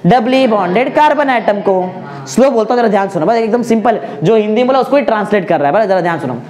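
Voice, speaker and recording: A man with an Indian accent teaching a chemistry class, drilling students with slow repetition, coaxing and joking. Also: sits high, expressive, a little mellow. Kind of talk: classroom lecture.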